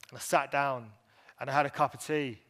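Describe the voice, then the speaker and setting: A man telling his personal story to a conference audience, candid and halting, with many fillers and restarts. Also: mid-range voice, fairly even intonation, sharp tone. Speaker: speaker at an industry event.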